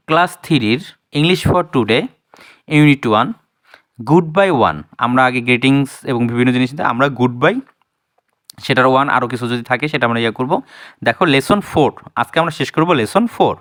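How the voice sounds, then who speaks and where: A man's voice: mid-range voice, animated, normal speed, pauses often, fairly bright tone, no echo, clean studio sound. A young man teaching a primary English lesson online, explaining patiently and repeating each word before translating it.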